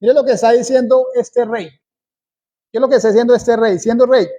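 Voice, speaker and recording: A man from Colombia preaching a sermon, slow and deliberate, repeating key phrases for emphasis. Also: very high-pitched, steady tone, dark tone.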